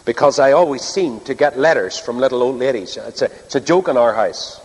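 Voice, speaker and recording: A middle-aged man with a Northern Irish accent preaching a sermon earnestly, with rhetorical repetition and dramatic pauses. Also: medium pitch, darkish tone, breathy edge. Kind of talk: sermon to a congregation. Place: large hall or church, speaking to a live audience. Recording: long reverb of a large hall.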